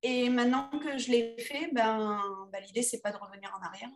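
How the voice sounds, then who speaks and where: A woman, an underwater photographer being interviewed, talking casually with many pauses and restarts. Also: a little high. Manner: hesitant, many fillers and restarts.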